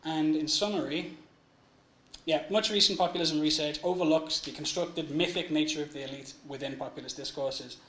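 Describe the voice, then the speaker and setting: Young man, slightly high voice, academic presentation, echoey room, faint background noise. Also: fairly even intonation, normal speed, a bit bright. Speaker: PhD researcher presenting.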